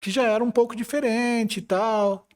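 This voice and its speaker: A man with a Brazilian Portuguese accent, an IT manager interviewed as a guest, telling stories in a relaxed way with some hesitant restarts. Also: very high-pitched, normal speed. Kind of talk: conversational interview.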